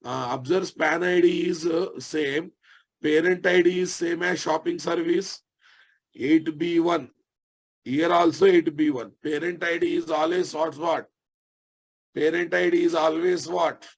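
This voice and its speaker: A man with an Indian Telugu accent giving a live technical lesson as a software instructor, repeating each phrase and checking that listeners follow. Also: fairly high pitch, steady tone, measured pace, creaky.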